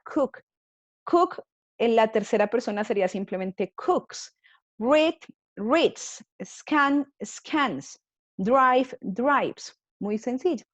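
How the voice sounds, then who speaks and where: A woman's voice: a little high, darkish tone, no room sound, muffled recording. A woman English teacher giving a grammar lesson, explaining patiently step by step and checking in with her students often.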